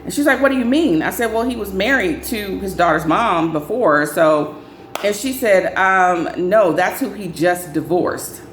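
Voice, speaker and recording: A young adult woman telling a casual dating storytime, acting out quoted lines in a raised, animated voice. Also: measured pace, slight background noise. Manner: animated, acts out friends' lines in higher voices. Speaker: storyteller vlogger. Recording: echoey room with faint ambience.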